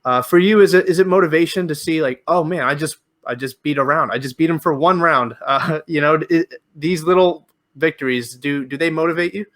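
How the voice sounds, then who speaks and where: This podcast host has a slightly high, fairly bright voice and talks quickly with few pauses. Chatting casually with his guest, he asks drawn-out questions, restarting often and using lots of fillers.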